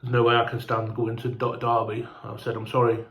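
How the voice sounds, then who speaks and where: A man's voice: mid-range voice, monotone, fairly quick, fairly bright tone, echoey room. A man telling a casual, rambling travel story, sweary and chatty, sounding hungover and unwell. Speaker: fan vlogger.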